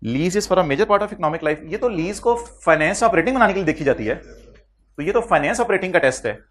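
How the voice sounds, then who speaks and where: A man with a Pakistani Urdu accent giving an accounting lecture, quizzing his students with rapid questions and mixing in English terms. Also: high voice, lively intonation. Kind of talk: classroom lecture.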